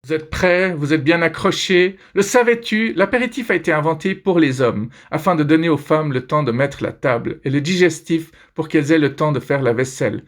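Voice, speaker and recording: A man's voice: on the high side, normal speed, few pauses. A man hosting a comedy video, joking his way through pictures with playful, teasing asides to viewers.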